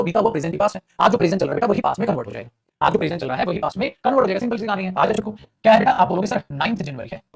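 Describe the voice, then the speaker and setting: A man teaching English grammar in a lively classroom manner, calling students "beta" and answering his own questions. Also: gravelly. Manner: acts out students' replies in a lower voice.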